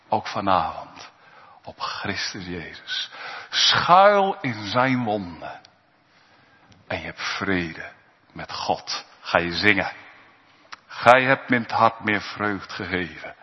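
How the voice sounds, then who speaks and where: A male pastor preaching an impassioned sermon, swinging between loud appeals and hushed asides. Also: lowish voice. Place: church. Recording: dull sound with long church reverb.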